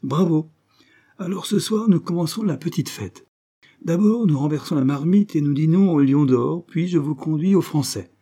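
Guy doing a cheery loud painter friend, all excited plans. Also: fairly high pitch, moderate pace, breathy edge, pitched above the performer's own voice. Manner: cheerful, exclamatory. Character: jovial, lively male painter, host friend.

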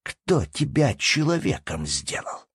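A man's voice: mid-range voice, sing-song, slow pace, husky, no echo, voice pushed up, exaggerated voice. A man voicing a furious middle-aged wife of a village steward who screams accusations and wails at her husband. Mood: scolding. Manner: shrieking, accusing, wailing.

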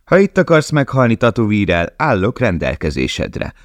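A man's voice: on the low side, big pitch swings, no echo, pitched above the performer's own voice. A man reading an audiobook, voicing a harsh male camp guard who speaks in a taunting, menacing way.

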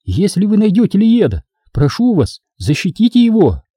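A man reading the part of a gentle, tender mother of a clan in an audiobook, speaking softly and pleading. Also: high voice, wildly swooping pitch, normal speed, breathy edge, dry recording, studio quality, voice pushed up, heavily acted.

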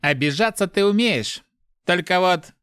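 A man voicing a mocking male spirit that speaks inside someone's head, taunting and sneering without pause. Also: sits high, big pitch swings, bright, forceful tone, no echo, clean studio sound, voice pushed up, heavily acted.

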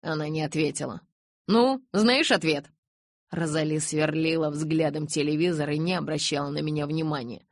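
A woman narrating a novel in the first person in an even, measured reading voice. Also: sits low, creaky, dry recording, studio quality. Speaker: audiobook reader.

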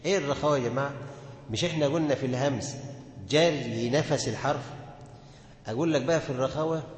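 A man's voice: medium pitch, quick pace. Egyptian man teaching in an echoey hall. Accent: Egyptian Arabic. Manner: asks the class questions and answers them himself. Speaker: Quran recitation teacher. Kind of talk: classroom lesson on tajweed. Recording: echoey hall with long reverb.

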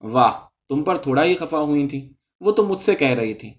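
A man's voice: a little high, lively intonation, lightly acted. A man reading as a curt, bossy boy. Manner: curt, scolding. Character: older boy, curt and bossy with his brother. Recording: dull lo-fi recording.

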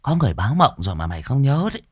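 A man's voice: big pitch swings, very fast, breathy edge, no room sound, studio quality. A man voicing a fierce middle-aged female spirit medium who scolds people bluntly, in a storybook reading. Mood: bossy. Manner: shrill scolding, bossy and blunt.

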